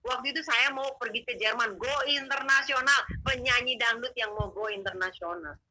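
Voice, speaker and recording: A woman telling her testimony as a guest, in animated, emotional, slangy conversational storytelling. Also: a little high, normal speed, rough recording.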